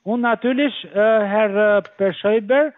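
A man on a phone scam call, talking haltingly with many fillers and broken grammar. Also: sits high. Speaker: phone scammer. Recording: tinny phone line.

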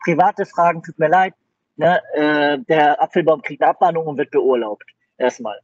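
A man's voice: a little high, moderate pace, husky, no echo. A man acting as the boss who takes over a phone call, placating the caller and repeating her name over and over.

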